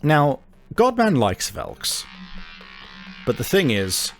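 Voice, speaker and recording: A man narrates a tabletop game as its game master, casual and full of swearing and fillers. He talks slowly. His pitch swings widely as he describes the action. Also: wildly swooping pitch, soft background music.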